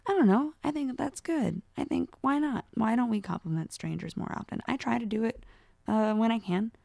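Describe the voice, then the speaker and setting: Young woman co-host, gravelly, dark tone, loose chatty delivery. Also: on the high side, a little fast, no echo, studio quality. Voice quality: gravelly, dark voice, rambling with many fillers. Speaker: podcast co-host. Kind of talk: casual chat.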